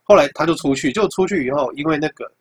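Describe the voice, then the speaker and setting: Young taiwanese dude ranting on his podcast, kinda husky, swears a lot, does the voices in his story. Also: on the high side, fast talker. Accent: Taiwanese Mandarin. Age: young adult. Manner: animated, profane, acts out dialogue in quotes. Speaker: podcast host. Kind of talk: casual storytelling monologue.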